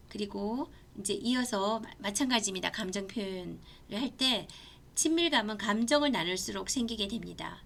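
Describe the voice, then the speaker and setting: A woman's voice: mid-range voice, vocal fry, a bit bright, slight background noise. A middle-aged woman with a Gangwon accent, giving a college lecture in an earnest, conversational way and sharing personal stories. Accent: Gangwon Korean. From Gangneung, Korea. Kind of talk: online class lecture.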